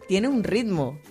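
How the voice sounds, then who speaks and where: A woman's voice: a little high, husky. A woman hosting a children's radio program, playful and laughing as she stumbles through tongue twisters. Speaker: radio host.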